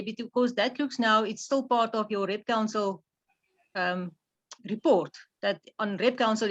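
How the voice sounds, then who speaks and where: A woman taking part in a meeting, politely and tentatively explaining her suggestions. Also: mid-range voice. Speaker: meeting participant. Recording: dull lo-fi online meeting audio.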